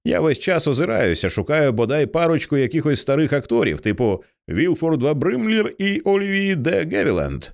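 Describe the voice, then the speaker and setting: A man's voice: a little high, sing-song, normal speed, gravelly, hardly any pauses, voice pushed up. A man voicing a sarcastic teenage girl. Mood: wry, anxious. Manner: blunt, sarcastic, swears casually. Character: edgy teenage girl, anxious and sardonic. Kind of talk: audiobook reading.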